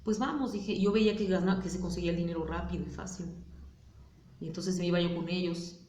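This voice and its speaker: A woman's voice: lowish voice, little pitch movement, fast, warm tone, a little hiss or hum. Mexican woman telling her story in an interview, lots of fillers and tag questions, sounds kinda echoey. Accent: Mexican Spanish. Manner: candid, hesitant, many fillers and tag questions. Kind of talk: personal testimony interview.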